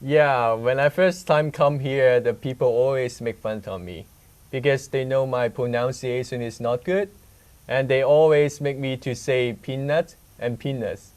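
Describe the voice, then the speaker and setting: Speaking English in a mid-range, darkish voice at a measured pace, a young Hong Kong man shares candid stories as a student reporter. The news segment is chatty, and his non-native English stays simple.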